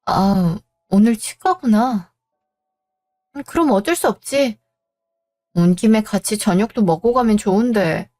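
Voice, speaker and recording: A woman's voice: medium pitch, animated, a little slow, pauses often, dark tone, natural voice. A woman voicing a caring, chatty older mother in a scripted audio drama. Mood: warm.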